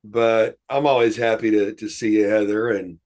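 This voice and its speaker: A man co-hosts a casual podcast-style talk show, his fairly low, darkish voice steady and at a normal pace. He tells stories in a folksy, rambling way, packed with fillers.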